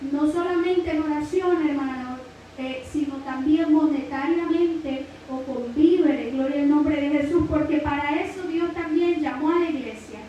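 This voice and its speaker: High-voiced Mexican woman preaching in an echoey church. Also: unhurried, dark tone. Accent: Mexican Spanish, Guerrero. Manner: punctuates with "amen" and praise phrases, addresses listeners as brother. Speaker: church Bible lesson teacher. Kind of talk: preached Bible lesson. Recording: very echoey hall, mic at a distance, faint hiss.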